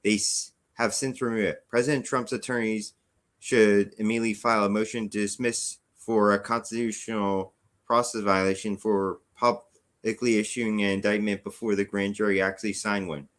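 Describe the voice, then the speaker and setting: A man's voice: lowish voice, flat delivery, moderate pace, fairly bright tone. An American man hosting a casual news podcast, sounding tired and rambling, often restarting his sentences and making chatty asides to his viewers. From United States. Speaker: podcast host. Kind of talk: casual news-commentary monologue.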